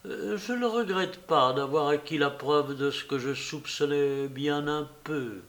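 A man reading aloud, voicing a composed, wronged woman who speaks softly and calmly. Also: a little high, unhurried. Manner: soft-spoken, calm. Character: composed woman, quietly hurt rival.

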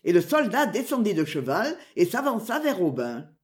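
A woman narrating an adventure storybook with a dramatic, expressive reading. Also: medium pitch, normal speed. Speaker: audiobook narrator.

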